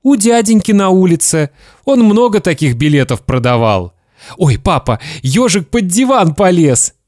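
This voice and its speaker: A man reading a children's story aloud, voicing a small excitable boy in a raised, eager voice. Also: normal speed, dry recording, studio quality. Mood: proud. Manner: eager, high and pleading, turns tearful. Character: small excitable boy who trades things away.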